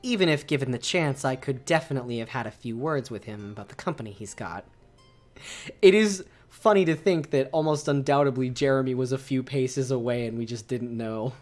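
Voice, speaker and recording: A man's voice: mid-range voice, a little fast, soft background music. A male streamer reading a visual novel aloud, reacting animatedly to its choices.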